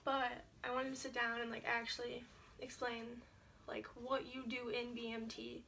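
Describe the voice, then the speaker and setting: A woman's voice: fairly high pitch, monotone, moderate pace, creaky, pushed and bright, a little hiss or hum. A young woman from Ohio, sitting at home and casually telling a long personal story to a camera set a little way off, filling her talk with "like" and "um". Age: young adult. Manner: chatty, lots of "like" and filler. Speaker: vlogger. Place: indoors at home, seated. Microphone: camera set a little far away.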